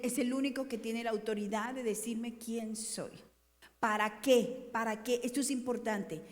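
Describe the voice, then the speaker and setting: A woman's voice: on the high side, darkish tone. A woman teaching a women's Bible class in a conversational way, asking her listeners questions and acting out quotes. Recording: long hall reverb.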